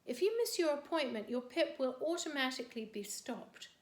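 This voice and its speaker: A woman reading her own poems in a measured, earnest way, dropping softer on the heaviest words. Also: sits high, animated. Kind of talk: poetry reading. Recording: roomy echo.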